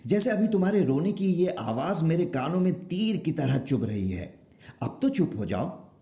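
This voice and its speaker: A man's voice: on the high side, sing-song, normal speed, a little mellow, reverberant. A man playing a weary old creator god who pleads and grows exasperated, in a storybook telling. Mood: pleading. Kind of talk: storybook narration.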